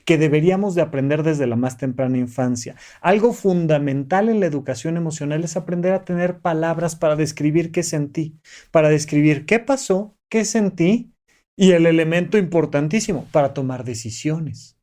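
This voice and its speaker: A man's voice: fairly high pitch, normal speed, warm tone. A man hosting a podcast, teaching step by step in a coaxing, explanatory way. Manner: didactic, enumerates steps, coaxing tone with listener. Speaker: podcast host. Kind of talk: motivational podcast monologue.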